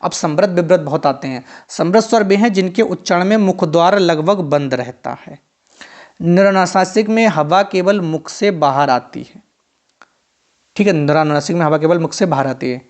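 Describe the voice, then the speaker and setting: A male teacher running an exam-prep grammar lesson, drilling students with quick repeated questions and answers. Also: fairly high pitch, darkish tone. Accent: Hindi-belt Indian.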